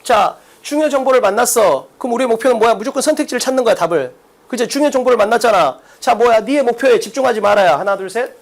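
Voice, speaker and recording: Brash lively Korean exam lecturer, man. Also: very high-pitched, quick pace. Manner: brash, blunt, rhetorical questions. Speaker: English test-prep lecturer.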